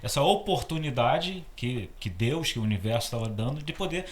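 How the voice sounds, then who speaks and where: A man at a middle pitch hosts an interview podcast. He asks questions and sums up what his guest has said. In between he adds short, encouraging affirmations. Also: expressive, moderate pace. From Brazil. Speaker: podcast host. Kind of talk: casual interview chat.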